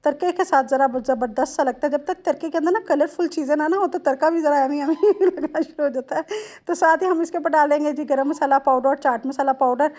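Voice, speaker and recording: A woman in her thirties from Lahore with a Lahori accent, chatting homely and warm-toned through a cooking vlog voice-over, addressing viewers directly. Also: high-pitched, fast. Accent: Lahori Punjabi-tinged Urdu. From Lahore, Pakistan. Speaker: home cooking vlogger.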